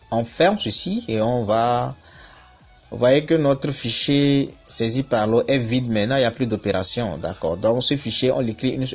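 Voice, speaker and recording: Husky man teaching accounting software. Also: medium pitch. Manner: repetitive, checks in often with the listener. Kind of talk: screen-recorded software tutorial. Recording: dull lo-fi voice-over with faint music.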